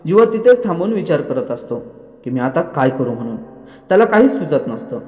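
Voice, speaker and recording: A man's voice: on the high side, very animated, fairly quick, a little mellow. A man retelling a TV serial episode, voicing each character's lines with rising emotion. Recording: echoey room with long reverb.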